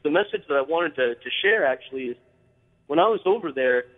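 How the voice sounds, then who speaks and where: Fast-talking man calling in by phone. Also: on the high side, lively intonation. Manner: earnest, halting, many fillers and restarts. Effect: call-in phone line on air. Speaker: radio show caller. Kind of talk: call-in radio chat. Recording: tinny phone line with long reverb.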